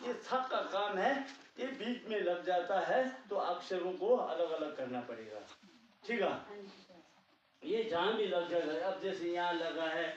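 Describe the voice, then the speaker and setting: A man's voice: sits high, measured pace. A man teaching a language class patiently, often checking whether his students follow. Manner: patient, repeats "ठीक है" often, checks understanding. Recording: echoey room, distant mic, dull sound.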